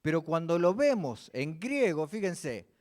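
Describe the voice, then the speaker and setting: A man's voice: fairly high pitch, big pitch swings, unhurried, darkish tone. A man preaching a church sermon, often asking the congregation questions and answering them himself.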